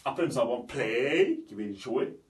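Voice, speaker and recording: A man from Guinea teaches English, working through the vowel sounds at a patient pace. He keeps checking in with "ok?" and "you understand me?" His voice is mid-pitched and sounds a little distant in a roomy, echoing space. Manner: explains slowly, often checks with "ok?" and "you understand me?". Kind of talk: language lesson. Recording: echoey room, voice from a distance.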